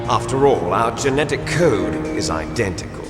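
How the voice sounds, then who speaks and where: An actor playing a bitter, gloating villain twin with grand ambitions in a video game, theatrical and taunting. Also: male voice, mid-range voice, lively intonation, normal speed, close to an everyday voice. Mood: smug, explaining. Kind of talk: dramatic video game voice acting. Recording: echoey hall reverb under loud music.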